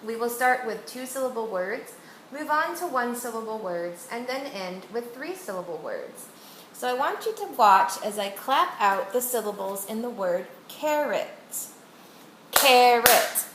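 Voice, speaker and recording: A woman teacher walks a student through a reading exercise, pronouncing each word slowly and deliberately so every sound can be heard. Her voice sits somewhat high. The recording carries a roomy echo and a faint background hiss. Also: lively intonation, a bit bright. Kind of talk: instructional demonstration with a student. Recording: echoey room with faint noise.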